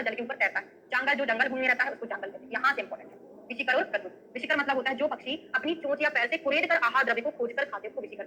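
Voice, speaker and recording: Brief: woman lecturer, bright, fairly high voice, checks in with the class, uses memory tricks. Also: slight background noise, low-quality recording. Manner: asks students questions and checks with "है ना?"; memory tricks and everyday examples. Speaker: Ayurveda teacher. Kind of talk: online exam-prep lecture.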